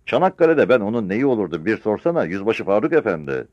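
A very old, stooped war veteran scolds and boasts defiantly in a raised, booming voice, performed by a male narrator. His pitch swings widely, and the dull, lo-fi sound is dry and close. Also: big pitch swings, fast, dry recording. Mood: scolding.

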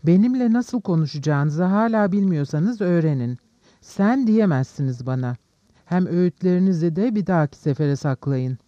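A stern, stout police officer speaks in a harsh, curt way, as a man reads him aloud. The voice is mellow and slightly high. The recording is dry and a bit dull. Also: expressive, normal speed, no echo.

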